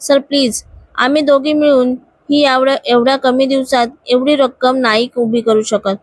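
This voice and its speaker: An earnest young woman at an office pleads again and again for her friend, as a woman narrator reads her part. The voice sits high and sounds dry and close, in the soft, steady manner of a storybook reading. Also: normal speed, no room sound. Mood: pleading.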